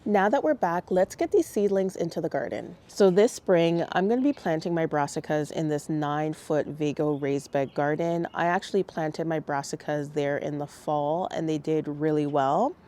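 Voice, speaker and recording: A woman's voice: low-pitched, normal speed, few pauses, warm tone. A woman vlogging casually about her routine, talking informally and directly to her viewers, like a gardening host. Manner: chatty, informal, addressing viewers. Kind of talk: casual vlog chat to viewers.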